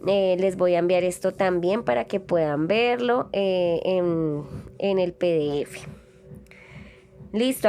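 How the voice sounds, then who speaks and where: A woman teaches children in a recorded lesson. She speaks slowly and patiently and draws words out syllable by syllable. Her voice sits at an ordinary middle pitch. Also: a little mellow. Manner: slow, patient, stretches out syllables to demonstrate.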